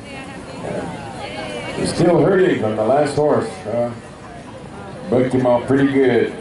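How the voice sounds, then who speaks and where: A man's voice: medium pitch, slow. A middle-aged man working as a powwow emcee, informally rambling and calling out names to the audience over an outdoor PA. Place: large outdoor powwow grounds. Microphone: PA picked up by a distant camera. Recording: distant echoey outdoor PA, noisy crowd. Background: crowd and outdoor noise.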